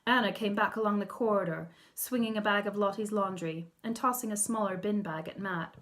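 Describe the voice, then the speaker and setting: A woman author narrating her own novel in a measured, softly expressive reading. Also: mid-range voice. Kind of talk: audiobook narration.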